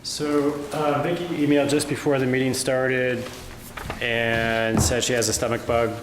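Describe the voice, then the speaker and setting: A man's voice: medium pitch, level tone, moderate pace. A man giving an informal report at a meeting, as a staff member going over a budget. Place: meeting room, indoors. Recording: very reverberant room, faint noise.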